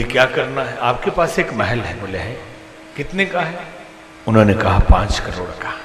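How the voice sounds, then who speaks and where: A man's voice: mid-range voice, fairly bright tone, reverberant, big-room sound. A man preaching a devotional sermon, telling parables and acting out the characters' lines with a voice that rises and falls. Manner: storytelling, acting out characters with rising and falling voice. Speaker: spiritual preacher.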